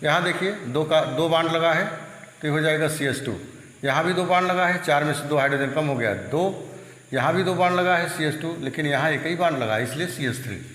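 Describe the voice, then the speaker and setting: A man's voice: fairly high pitch, a little fast, a bit bright. A male teacher, giving a chemistry lesson and explaining steadily, often asking and then answering his own questions. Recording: echoey room with long reverb.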